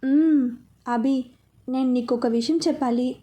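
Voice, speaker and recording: A woman reads as a sweet young wife in a storybook romance. She speaks softly and slowly, pleading, in a high, mellow voice. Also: steady tone. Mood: tender.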